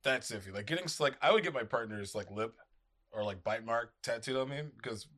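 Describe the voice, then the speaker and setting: A man with a low voice, chatting casually as a podcast co-host. He rambles and piles up fillers as he talks. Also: brisk, a bit bright. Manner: loose, rambling, with many fillers. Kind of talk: casual chat.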